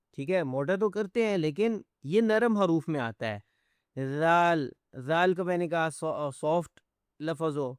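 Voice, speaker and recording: A man with a high, smooth, resonant voice teaches pronunciation in a patient step-by-step lesson. He repeats each letter several times and keeps checking in with the listener. The sound is dry and close, with no room echo. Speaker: Quran teacher.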